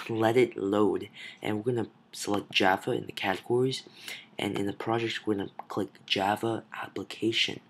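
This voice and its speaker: A young man with a sick, hoarse voice hosting a casual programming tutorial, filling his talk with ums and uhs. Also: lowish voice, fairly even intonation, normal speed, a little hiss or hum. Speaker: tutorial host. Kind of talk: screen-recorded programming tutorial.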